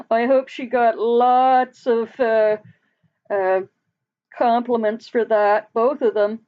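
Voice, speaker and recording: A woman's voice: fairly high pitch, fairly even intonation, slow pace, long pauses, clear, resonant tone, dull audio. A woman hosting a casual live chat with her viewers, talking in a loose, rambling way with frequent laughs and trailing sentences. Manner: chatty, laughs often, trails off mid-sentence. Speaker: livestream host.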